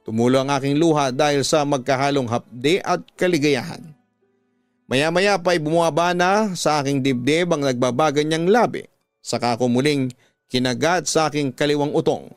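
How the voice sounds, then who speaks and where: A Filipino-accented male radio storyteller reads a dramatic scripted story in a slow, emotive, deliberate way. His slightly high voice is dry in the studio with no room sound, set against a music bed.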